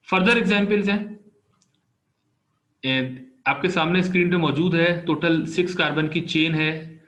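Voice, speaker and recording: A man with a slightly high, fairly bright voice gives a recorded chemistry lecture, patiently explaining step by step through on-screen examples. The lo-fi recording is roomy and a bit dull.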